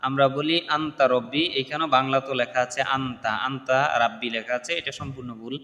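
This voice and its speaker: A man teaching a prayer recitation, who chants the Arabic slowly and explains pronunciation errors quickly. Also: mid-range voice, fairly even intonation, bright, forceful tone, big-room sound. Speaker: religious teacher. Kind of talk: recitation lesson.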